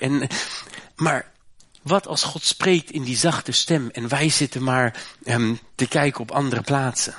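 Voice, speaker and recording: A man's voice: fairly high pitch, fairly bright tone. A man from the Netherlands preaching a sermon as pastor, earnest, repeating his phrases and tagging them with little questions.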